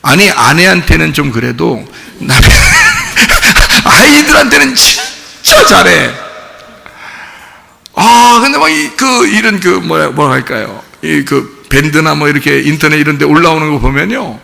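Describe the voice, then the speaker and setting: Animated man preaching in an echoing church. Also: on the high side, a little slow, creaky. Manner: animated, acts out quoted children and fathers, shouts for emphasis. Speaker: pastor. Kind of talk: sermon. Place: church sanctuary. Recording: long hall reverb, faint noise.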